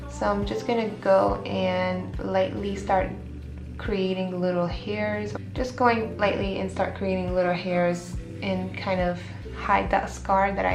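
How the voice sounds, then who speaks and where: A woman talking through a makeup tutorial in a relaxed, chatty way, explaining each step as she goes, her voice a little worn. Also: medium pitch, vocal fry, echoey room. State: slightly losing her voice. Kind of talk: casual beauty tutorial talk.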